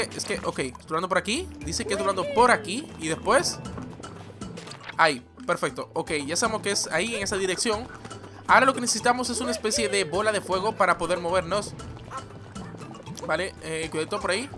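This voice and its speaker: A man giving excitable, rambling let's-play commentary as a gaming channel host, yelling at the game as he plays. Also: sits high, a little fast. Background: game music.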